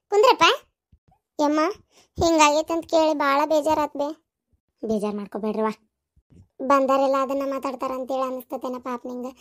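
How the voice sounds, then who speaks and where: A woman voicing chatty village women in a comic cartoon, with a North Karnataka Kannada accent and a shrill, exclaiming manner. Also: lightly acted. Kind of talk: cartoon voice acting.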